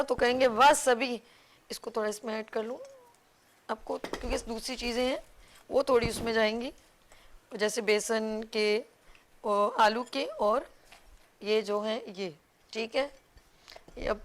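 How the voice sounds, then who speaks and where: A woman with a Pakistani Urdu accent, hosting a live cooking show and explaining each step to viewers in a chatty, instructive way. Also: fairly high pitch. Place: TV studio kitchen.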